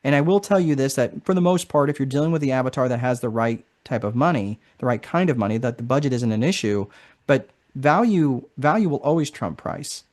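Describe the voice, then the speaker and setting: A man's voice: medium pitch, lively intonation, brisk, a little mellow. Chatty man hosting a live course session. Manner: casual, chatty, keeps adding "right?". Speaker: marketing strategist presenting a course. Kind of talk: live online information session.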